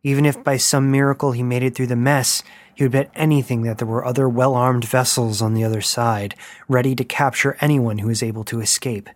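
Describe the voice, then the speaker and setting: A man narrating a science-fiction story in a steady, even reading voice. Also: medium pitch, fairly quick, no room sound.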